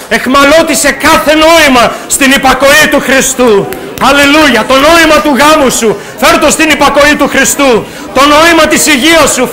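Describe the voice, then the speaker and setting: Excited preacher guy in church, super high pitched, bright ringing tone, shouts and repeats lines over and over. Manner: impassioned, shouting exclamations, chanted repetitions. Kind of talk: fervent sermon.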